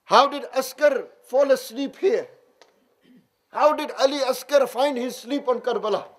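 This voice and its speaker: A preacher voicing lamenting grieving women. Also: male voice, very high-pitched, a little slow, pitched above the performer's own voice. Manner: lamenting, questioning. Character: wailing grieving women, mothers in mourning.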